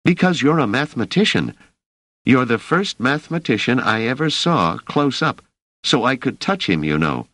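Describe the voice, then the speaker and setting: A man's voice: medium pitch, very animated, moderate pace, a bit bright, no echo, voice pushed up. A man doing an eager young laborer. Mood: earnest. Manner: earnest, pleading. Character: eager young male laborer, earnest, unschooled.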